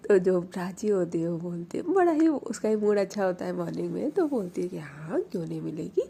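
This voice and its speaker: A woman's voice: lowish voice, lively intonation, brisk, creaky, mellow, breathy edge. A woman storyteller narrating a romance in a chatty, conversational way. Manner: chatty, conversational retelling with fillers.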